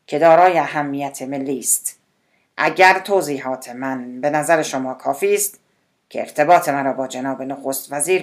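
A woman voicing an agitated middle-aged male director-general who is tense and commanding, sometimes shouting. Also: very deep voice.

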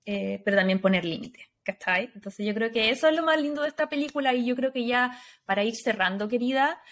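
A woman's voice: on the high side, animated, a little fast, fairly bright tone, slight background noise. A Chilean woman hosting a podcast in casual chat, slipping in English words now and then. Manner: chatty, mixes in English words. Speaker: podcast host. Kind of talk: casual chat about a film.

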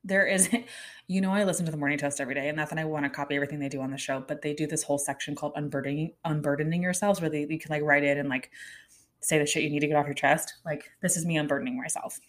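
A woman's voice: low voice, steady tone, very fast. A woman in her thirties from Kansas City, telling stories in a rambling, chatty monologue full of "like.". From Kansas City, Kansas, USA. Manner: rambling, chatty, heavy use of "like". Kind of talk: casual comedic monologue.

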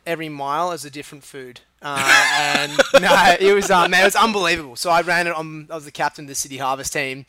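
A man's voice: a little high, fast talker, few pauses, a loud crowd. A man with an Australian accent chatting casually as a chef guest in an interview, upbeat and matey. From Sydney, Australia.

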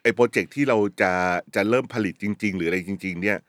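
A man from Thailand answering interview questions, thinking aloud quickly with repeated words and casual slang. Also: on the low side, fairly bright tone, no echo, clean studio sound. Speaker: streaming company content director, guest.

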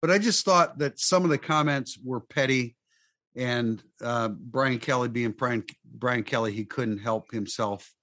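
A man's voice: medium pitch, measured pace, fairly bright tone, dry recording. A man hosting a sports talk show, talking with many restarts and sarcastic asides.

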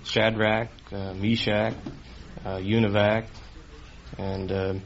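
Fairly low-pitched and level, this man speaks slowly as he answers interview questions. He's a quiz contestant who designs computers, and he sounds hesitant yet matter-of-fact. The recording comes from a dull old radio broadcast with faint noise.

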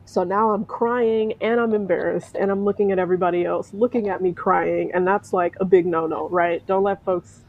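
Woman, casual storyteller, husky voice, muffled lo-fi sound, animated. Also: lowish voice, normal speed, hardly any pauses. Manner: animated, acts out quoted voices, laughs often. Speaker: storyteller, veterinary technician.

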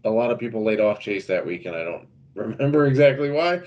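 A man co-hosting a podcast, chatting casually and quickly about fantasy racing picks, laughing easily. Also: on the low side, animated, darkish tone, dull audio. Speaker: podcast co-host. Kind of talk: casual sports betting chat.

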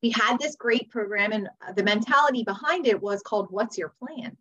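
A woman's voice: a little high, normal speed, a bit bright. An American woman in her forties telling her story conversationally as a podcast guest, on slightly dull audio. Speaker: podcast guest, teacher and author.

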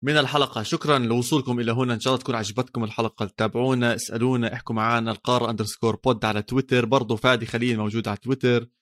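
Male sports podcast co-host, Levantine Arabic accent, very rapid delivery, casual bantering style. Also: medium pitch, fairly even intonation, fairly bright tone.

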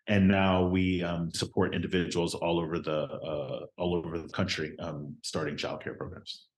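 A man's voice: sits low, flat delivery, moderate pace. A man from Miami, a company founder and podcast guest, answering casually with many ums. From Miami, Florida.

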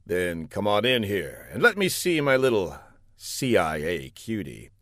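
A man's voice: low-pitched, big pitch swings, unhurried, a bit bright, dry recording, clean studio sound, exaggerated voice. A man playing a dim-witted, boastful male hero who talks in a naive, self-satisfied way. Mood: smug.

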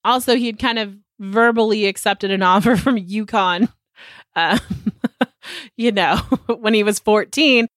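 A woman co-hosting a podcast, getting over a cold, sounds nasal and congested in her medium-pitched, unhurried voice, recorded studio quality with no room sound. She chats casually, telling animated stories with plenty of swearing and frequent chuckles.

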